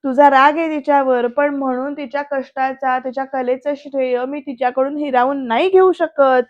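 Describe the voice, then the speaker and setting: A woman's voice: sits high, fairly even intonation, moderate pace, lo-fi sound, lightly acted. A woman quoting a resolute young man. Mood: firm. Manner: resolute, insistent. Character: firm young man standing up for someone.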